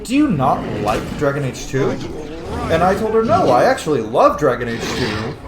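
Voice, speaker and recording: A video game streamer gives casual, opinionated, rambling commentary full of swearing. His voice is a little high and sing-song at a moderate pace, with a roomy echo and faint noise.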